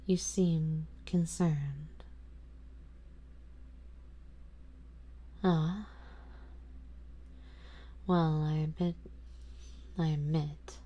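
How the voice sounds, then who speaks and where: A woman heavily acts the part of an ancient, wealthy vampire in an ASMR roleplay aimed at the listener, her voice sitting low. The mood is calm and reflective, and her formal, measured speech is composed and quietly possessive, delivered in a slow, soft, intimate, breathy way that drifts into whispers.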